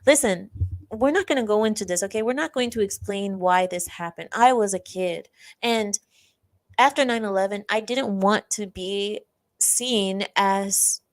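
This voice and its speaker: In a mid-range voice and at a slightly slow pace, a young woman hosts a livestream and shares a personal story. She's chatty and quick to laugh, reads out chat comments, and acts out the classmates she quotes.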